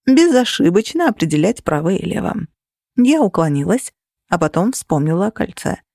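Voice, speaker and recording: A woman reading a first-person fantasy novel aloud with steady, lively storytelling. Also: lowish voice, creaky, no echo, studio quality. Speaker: audiobook narrator. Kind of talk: scripted first-person narration.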